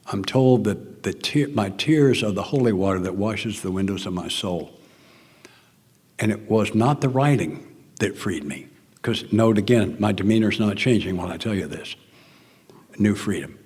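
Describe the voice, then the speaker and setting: An older man with a Southern American accent speaks earnestly and plainly, his voice gravelly and husky, sometimes sinking almost to a whisper. He is giving a personal talk at a recovery meeting, and his words ring out with the long reverb of a hall. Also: lowish voice, expressive, normal speed, a little mellow. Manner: earnest, plainspoken storytelling, often dropping to a near whisper.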